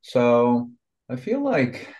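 A man's voice: mid-range voice, big pitch swings, drawn-out words, a little mellow. A man in his thirties from Honduras, a tattoo artist chatting casually and rambling with lots of fillers. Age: 30s. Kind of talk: casual conversation.

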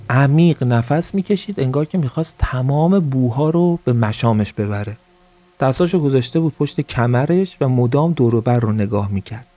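A man narrating a story in a calm, even storytelling manner. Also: mid-range voice. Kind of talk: scripted narration.

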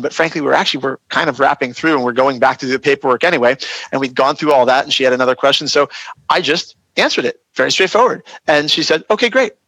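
Man, real estate guest, earnest practical explainer, bright crisp voice, dry close sound. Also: on the high side, no room sound, low-quality recording. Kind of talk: webinar interview.

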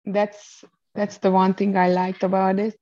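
A woman with a Hungarian accent and a mellow, relaxed voice at a middle pitch. She explains things as an interview guest, often pausing to find her words in a second language. The sound is slightly dull and lo-fi. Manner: hesitant, searching for words in non-native English. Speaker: interview guest, equestrian rider.

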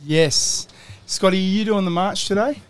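Male co-host, Australian accent, slightly high voice, casual podcast chat. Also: normal speed, clean tone.

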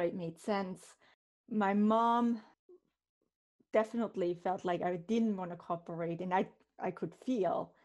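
A woman's voice: medium pitch, a little mellow. A woman from Switzerland hosting a podcast, telling stories in an earnest, reflective way. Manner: earnest, reflective storytelling with restarts. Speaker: podcast host, medium. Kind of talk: casual podcast talk.

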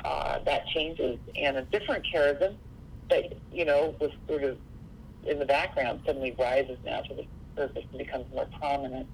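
A woman's voice: very deep voice, steady tone, normal speed, creaky, slight background noise, poor audio. A woman from Seattle, speaking as an interview guest in an earnest, reflective way. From Seattle, USA. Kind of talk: interview conversation.

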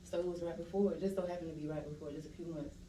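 A woman's voice: sits low, steady tone, racing, dark tone. A young woman with a Louisiana accent tells stories in casual chat, laughing often and slipping into Southern slang. The room rings with echo, and she sits back from the mic. A faint hiss runs underneath. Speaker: guest. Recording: echoey room, mic at a distance.

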